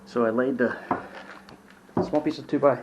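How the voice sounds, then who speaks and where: A man's voice: mid-range voice, fairly even intonation, moderate pace, dull audio, background noise. A young man chatting casually while building in a hot workshop, out of breath, rambling and self-deprecating, swearing when frustrated, filmed on a handheld camera. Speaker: woodworking vlogger.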